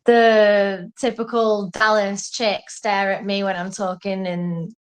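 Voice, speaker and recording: A woman's voice: mid-range voice, slow, clean tone. A woman chatting casually as a co-host, telling stories in a rambling, self-mocking way with some swearing. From lived in Singapore, English family. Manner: rambling, animated storytelling with self-mockery and swearing. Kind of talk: casual chat.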